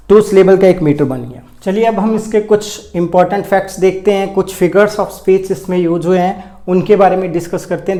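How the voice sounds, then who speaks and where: A man's voice: high voice, mellow, roomy sound. A man, giving a step-by-step exam-prep lecture on poetry. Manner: explains step by step, says "ठीक है" often. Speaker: English literature teacher.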